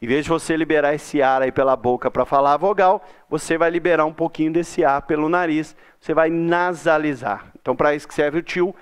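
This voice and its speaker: A Brazilian man teaching a recorded lesson, his voice high for a man and smooth. He talks to the class in a chatty way and stretches example words out slowly. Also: fairly even intonation. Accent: Brazilian Portuguese.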